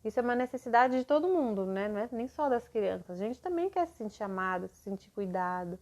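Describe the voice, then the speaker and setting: Woman parenting mentor on a live stream, calm explainer, acts out parent lines for the kids. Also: on the high side, fast talker. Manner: gentle, explanatory, acts out what a parent might say to a child. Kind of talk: live online mentoring session, answering questions.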